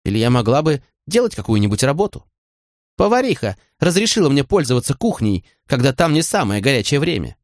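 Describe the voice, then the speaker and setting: A man's voice: medium pitch, big pitch swings, very slow, hardly any pauses, no room sound, pitched above the performer's own voice, heavily acted. A man lifts his voice into a young serving woman, hurt and resentful, speaking in a raised, lighter register. Her words come short and cold or spill out in long reproachful runs, voiced for an audiobook in a dry, close sound. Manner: cool and clipped, then pouring out reproach. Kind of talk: audiobook character voice.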